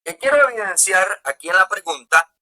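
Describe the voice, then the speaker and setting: A man, a pastor on a video call in a religious debate, speaking haltingly with restarts. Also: sits high, lively intonation, pushed and bright, rough recording. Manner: halting, fumbles with his camera and restarts words.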